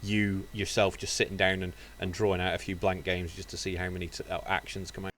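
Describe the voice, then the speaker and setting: A man's voice: low-pitched, little pitch movement, a little fast, fairly bright tone, slight background noise. A man chatting casually during a board game test, loosely offering suggestions. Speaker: game tester.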